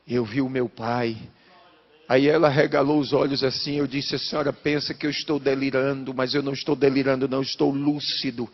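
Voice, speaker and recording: A man preaching a testimony sermon, a pastor telling his story and building to shouted fervor. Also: mid-range voice, flat delivery, a little fast, long reverb tail, lo-fi sound.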